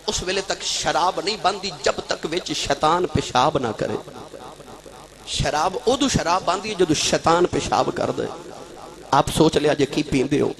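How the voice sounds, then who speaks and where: A man preaching a sermon, telling a story with passion and calling out to the young men listening. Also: a little high. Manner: impassioned, addresses the young men of the audience directly. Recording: live crowd audible. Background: audience crowd sounds.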